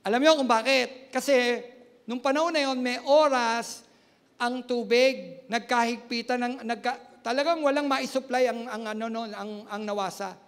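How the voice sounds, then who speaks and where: A male pastor telling a personal story in a sermon, animated and laughing at himself as he acts out what people said. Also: extremely high pitch, normal speed, clean tone. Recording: long reverb of a large hall.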